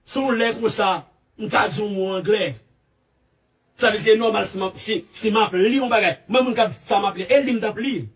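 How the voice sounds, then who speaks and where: An emphatic man with a Haitian Creole accent speaks in a high voice, circling back over his points with lively repetition. He sounds set back from the microphone. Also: brisk, distant mic. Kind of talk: casual commentary.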